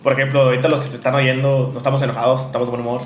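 A man's voice: mid-range voice, level tone, very fast, roomy sound, slight background noise. A man from Monterrey with a northern Mexican accent, co-hosting a podcast in casual, slangy, swear-filled chat. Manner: slangy, swears a lot, says "güey" constantly. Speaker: podcast co-host.

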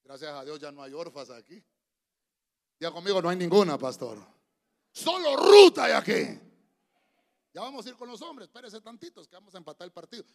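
High, gravelly preaching man. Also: quick pace. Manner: emphatic, animated preaching with humorous asides. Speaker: pastor. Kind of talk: sermon. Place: church.

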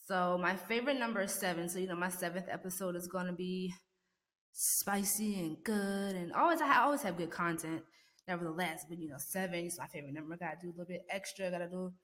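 A woman's voice: on the low side, fast, a bit bright. A woman hosting a casual motivational podcast, chatting encouragingly and directly to her listeners in an echoey, sparsely furnished room at home. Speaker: podcast host.

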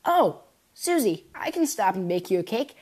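A woman's voice: medium pitch, big pitch swings, moderate pace, darkish tone, husky. A woman voicing an earnest, determined young boy hero who talks insistently in a read-aloud fan story.

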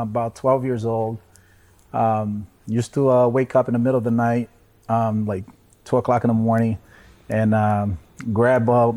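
A man from Brazil chatting casually as an interview guest, in a hesitant, halting way. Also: medium pitch, mellow. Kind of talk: casual chat.

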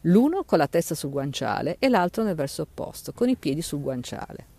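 A man narrating an audiobook with expressive, animated storytelling. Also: fairly high pitch, a little fast, gravelly, dry recording.

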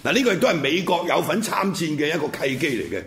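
A man's voice: fairly high pitch, expressive, racing, a bit bright. A man with a Hong Kong Cantonese accent hosts an unscripted political commentary, speaking in blunt colloquial language and punctuating points with rhetorical check-in questions. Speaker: commentary show host.

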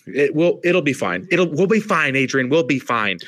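Animated man in casual chat. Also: fairly high pitch, normal speed, dry recording. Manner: animated storytelling, acts out exasperated exclamations. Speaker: podcast co-host, nurse. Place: home, dog nearby.

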